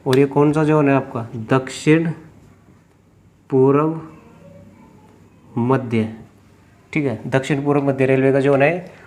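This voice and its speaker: A man teaching a lesson, explaining step by step, asking questions and answering them himself, drawling names slowly as he writes. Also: medium pitch, a little mellow. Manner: drawls place names slowly while writing. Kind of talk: classroom lecture at a board. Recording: faint background noise.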